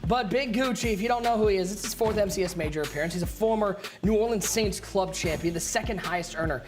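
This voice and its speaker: High-voiced, hyped play-by-play man. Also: quick pace, music in the background. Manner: energetic, joking, hypes big plays. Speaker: esports play-by-play commentator. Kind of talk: live play-by-play commentary.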